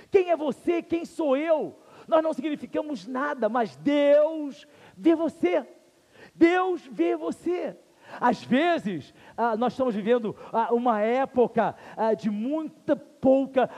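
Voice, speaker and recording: Brazilian pastor guy preaching, really high mellow voice, big churchy echo. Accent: Brazilian Portuguese. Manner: earnest, rhetorical questions, slow emphatic repetition. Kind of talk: sermon. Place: church sanctuary. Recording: long reverb of a church hall.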